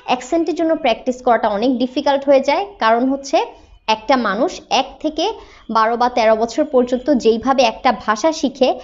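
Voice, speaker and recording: A woman from Bangladesh, an English teacher, explaining patiently and slowing down to model sentences. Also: high voice, muffled recording, soft background music. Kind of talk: explanatory lesson.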